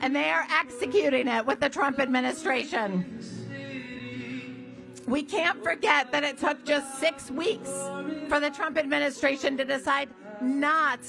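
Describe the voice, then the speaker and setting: A woman's voice: sits high, measured pace, vocal fry, over music. A woman delivering an impassioned rally speech as an advocate, emphatic and given to repeated phrases, speaking at an outdoor event.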